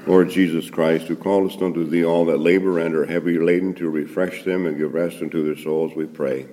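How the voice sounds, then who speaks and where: Male pastor, pulpit mic, deep voice, formal liturgy, reverberant sanctuary. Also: steady tone, dark tone. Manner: solemn, measured formal liturgy. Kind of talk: leading liturgical prayer. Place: church sanctuary. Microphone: at a pulpit microphone. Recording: long church hall reverb.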